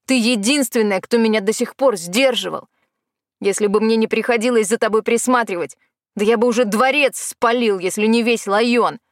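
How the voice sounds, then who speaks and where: A woman's voice: on the high side, moderate pace, dry recording, clean studio sound, natural voice. A woman reading the part of a stubborn young man with magical powers, insistent with his sister, in an audiobook. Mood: angry. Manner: insistent, pleading then angry. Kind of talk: audiobook dialogue.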